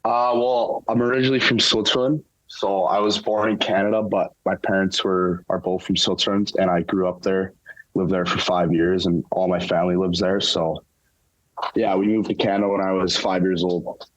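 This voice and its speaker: A young man answering interview questions casually, in a relaxed, halting way with lots of fillers. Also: sits low, poor audio. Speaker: interview guest, hockey player.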